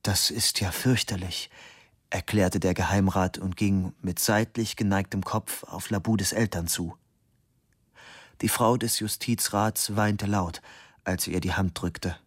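A male audiobook narrator tells the story at a steady, measured pace. His voice is low and husky, recorded close in a dry space with no room sound. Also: no room sound.

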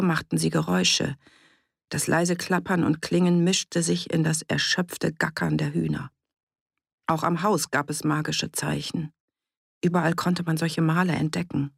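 A woman narrating a novel for an audiobook in a steady, measured storytelling manner. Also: deep voice, creaky, breathy edge, dry recording, clean studio sound.

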